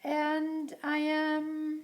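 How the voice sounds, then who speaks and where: A woman's voice: sits high, completely flat delivery, extremely slow. A woman in her twenties from Syria, co-hosting a casual podcast chat and laughing often. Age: 20s. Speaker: podcast co-host.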